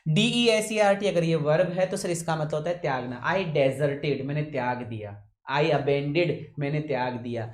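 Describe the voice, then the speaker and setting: A man teaching English vocabulary in a classroom lecture, pausing often to ask his students whether they have understood, and deliberately slowing his usually fast speech. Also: on the high side. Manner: keeps checking with students, calls them son. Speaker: English teacher for exam coaching. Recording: echoey room.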